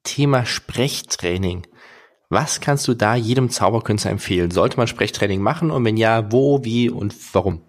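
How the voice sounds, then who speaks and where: A man calmly asking interview questions in a measured way. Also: fairly low pitch.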